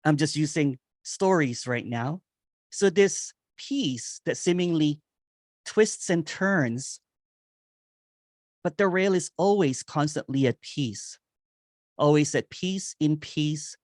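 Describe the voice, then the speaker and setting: A man giving a meditative spiritual reflection on nonduality, repeating phrases and chuckling softly now and then. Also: a little high, animated, slow, dry recording, studio quality. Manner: meditative, repetitive, with soft chuckles. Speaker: nonduality speaker. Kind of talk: slow spoken spiritual reflection.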